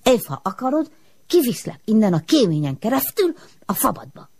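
An eerie old smoke spirit woman, put on by a woman reading a storybook, calls out in a thin, high, airy sing-song. Her husky whisper of a voice swoops up and down as she hurries someone along. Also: big pitch swings, a little mellow, full character voice. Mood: beckoning.

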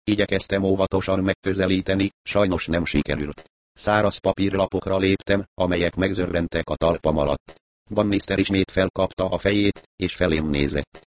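A man narrating an audiobook in a steady storytelling manner. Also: low voice. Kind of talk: scripted narration.

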